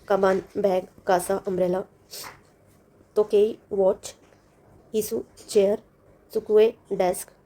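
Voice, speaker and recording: A woman's voice: mid-range voice, mellow. A woman teaching a language lesson, patiently explaining and repeating each word with its meaning. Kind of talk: lesson walkthrough.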